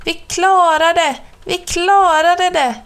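A woman voicing an eager young boy in a storybook reading, with a lively manner of calling out. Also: fairly high pitch, natural voice. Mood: excited shouts.

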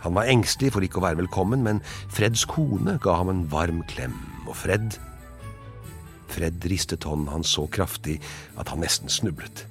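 A man giving an expressive, dramatic storybook narration. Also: low-pitched, soft background music.

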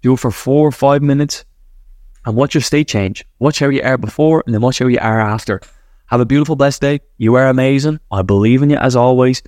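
A man's voice: mid-range voice, brisk, no echo. Man chanting affirmations, dry sound. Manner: energetic, rhythmic chanting of affirmations. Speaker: podcast host. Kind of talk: motivational breathing guidance. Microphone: podcast microphone.

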